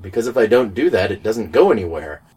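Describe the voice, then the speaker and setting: A man's voice: fairly low pitch, fast, slightly rough. A man in casual chat, telling a story with lots of laughter and acted-out dialogue. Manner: animated, laughs while telling stories, acts out quoted exchanges.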